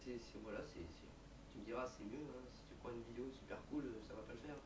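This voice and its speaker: A man's voice: medium pitch, quick pace, darkish tone. A man doing amateur video commentary, hesitant and stumbling over his words, recorded in an echoey room far from the mic with faint hiss. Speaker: youtuber in his old video.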